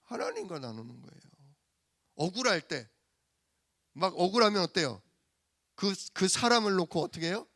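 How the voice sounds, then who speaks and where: A man preaching a sermon as pastor, animated and full of rhetorical questions to the congregation. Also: high-pitched, moderate pace, long pauses, dry recording, studio quality. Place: church sanctuary.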